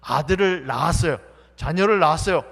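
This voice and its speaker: A pastor delivers a sermon in a church sanctuary, posing questions to the congregation and answering them himself while acting out the quoted speech of the story's characters. His voice is fairly high, brisk and a bit bright, slightly rough with vocal fry. Faint music plays behind him, and the church hall adds reverb.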